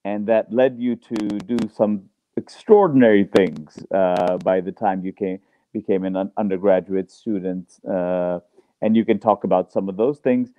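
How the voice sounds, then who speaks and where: A man hosting an interview show, introducing his guest and posing long questions, halting with many "uh" and "um" fillers. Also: deep voice, fairly even intonation, a little hiss or hum. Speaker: show host. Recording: dull, dry lo-fi sound.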